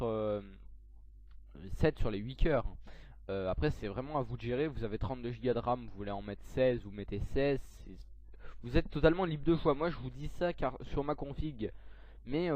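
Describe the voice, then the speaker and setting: A man's voice: mid-range voice, dry recording. Hesitant young man, dull lo-fi mic. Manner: hesitant, lots of fillers and self-corrections. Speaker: tech tutorial youtuber. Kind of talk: screen-recorded software tutorial.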